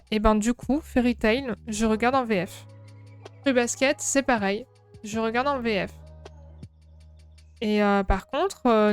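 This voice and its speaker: A woman's voice: fairly high pitch, clear, resonant tone. A woman in her twenties, a streamer, chatting casually and laughing often as she answers chat while painting at her craft table. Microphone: streaming microphone.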